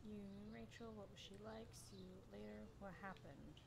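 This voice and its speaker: A woman's voice: medium pitch, normal speed, gravelly, a crowd in the background. A woman giving casual let's-play commentary, with wry, blunt reactions to the game. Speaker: gaming streamer. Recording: noisy commentary over game audio.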